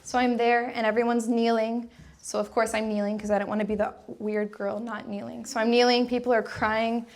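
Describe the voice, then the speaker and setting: A young woman, a religious sister, telling her personal testimony in a lively, laughing storytelling way with lots of casual fillers. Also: a little high, brisk.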